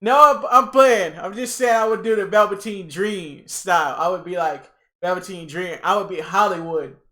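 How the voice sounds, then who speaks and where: Excitable high-voiced young man streaming. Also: moderate pace. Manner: excitable, rambling, repeats himself, talks to chat. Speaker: livestream host. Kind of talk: casual live reaction chat.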